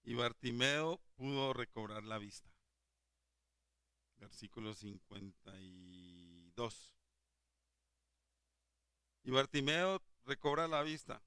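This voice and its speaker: A man delivers a Sunday sermon in a bright, forceful voice that rings smooth and clear. He swings from fervent, emphatic exhortation to hushed tenderness when quoting Jesus. The sound is dry and close, with no room around it. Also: medium pitch, lively intonation, slow pace, pauses often, no room sound. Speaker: lay preacher.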